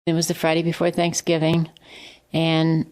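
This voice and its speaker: A woman's voice: deep voice, completely flat delivery, normal speed, a little mellow. An older woman, a mother, recounting events in a documentary interview and acting out the voices of the people she quotes. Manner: vivid storyteller acting out quotes. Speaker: mother of the exonerated man.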